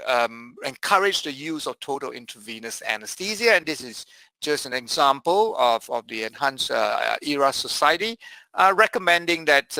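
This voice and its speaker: Bright-voiced man giving a medical lecture. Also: a little high, dry recording, poor audio. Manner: measured, with frequent "uh" fillers. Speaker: anesthesiologist lecturer. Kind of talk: medical presentation.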